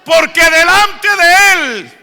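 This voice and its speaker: A man acting out a triumphant prophet calling up from a pit, in jubilant, proclaiming shouts. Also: extremely high pitch, expressive, slow, voice pushed up, full character voice. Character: faithful male prophet, triumphant and unharmed. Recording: long church reverb.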